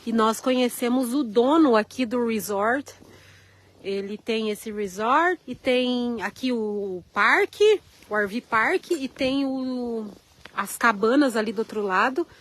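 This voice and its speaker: A woman with a fairly high voice takes her time as she chats on a live vlog outdoors at a snowy RV park, greeting viewers by name and reading their comments while she walks. Originally from Rio de Janeiro, Brazil, she has a Carioca Brazilian Portuguese accent and is feeling the cold, with chilled hands. The recording quality is low.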